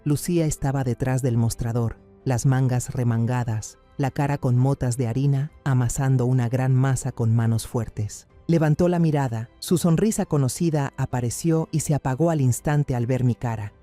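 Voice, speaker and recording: A man's voice: mid-range voice, moderate pace, few pauses, warm tone, faint music behind. A man reading a somber, dramatic first-person story as scripted narration.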